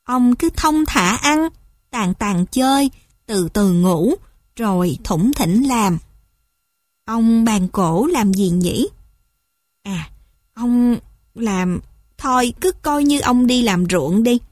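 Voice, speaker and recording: A woman gently reading children's stories aloud as a storyteller. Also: fairly high pitch, lively intonation, takes it slowly, long pauses, no room sound, clean studio sound.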